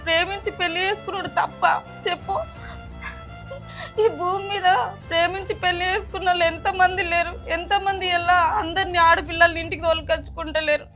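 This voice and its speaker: A tearful young pregnant wife, played by a woman with a Telangana accent, pleading through tears. Her voice is very high and keeps a narrow, flat line. Faint music plays behind. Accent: Telangana Telugu. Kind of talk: village short film acting.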